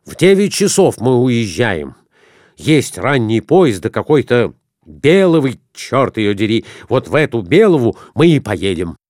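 A man voicing a jittery middle-aged husband, fretful and hurried, pleading to get away fast. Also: medium pitch, very animated, darkish tone, no room sound, studio quality.

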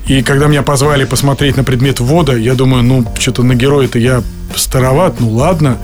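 A man's voice: medium pitch, fairly even intonation, a little fast, faint music behind. A man in his fifties, an actor guest on a radio show, telling rambling, joking stories in casual studio chat.

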